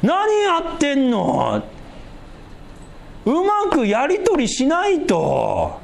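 A man's voice: extremely high pitch, huge pitch swings, very slow, gravelly, pitched above the performer's own voice, exaggerated voice. A man voicing a worldly man who nags a martyr for stirring up trouble, in a sermon. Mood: exasperated. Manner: nagging, exasperated.

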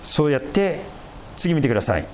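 A male pastor giving an emphatic, animated sermon. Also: on the high side, a little fast, a little hiss or hum.

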